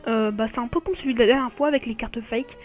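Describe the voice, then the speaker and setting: Chatty woman with a fairly high voice. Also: fast, soft background music. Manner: chatty, often corrects herself mid-sentence. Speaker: video host. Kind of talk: casual mobile game card showcase.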